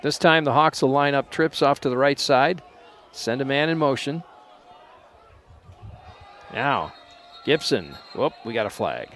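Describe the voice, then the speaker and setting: A man's voice: medium pitch, a little slow, long pauses, a faint crowd. Guy calling a college football game, laid back, bit of hiss in the background. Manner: relaxed, unpolished, hesitant over names. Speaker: play-by-play announcer. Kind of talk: local college football commentary.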